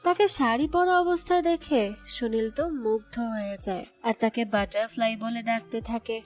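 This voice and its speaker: A woman's voice: fairly high pitch, brisk. Woman narrating a film recap over music. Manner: steady storytelling recap. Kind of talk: scripted narration. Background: soft background music.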